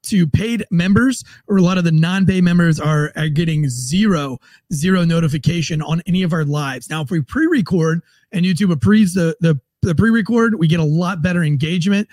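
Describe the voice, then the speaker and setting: A man's voice: fairly high pitch, a little fast, darkish tone, dry recording. A man in his forties hosting a podcast, rambling and joking irreverently in casual chat. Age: 40s. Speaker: podcast host.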